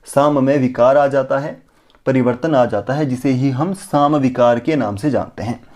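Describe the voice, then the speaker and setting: A man teaches an exam-prep lesson to a close mic, at a plain, middle pitch. He asks himself rhetorical questions and answers them right away. Now and then he slows down to draw out chanted syllables as examples. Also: a little mellow. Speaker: Sanskrit teacher.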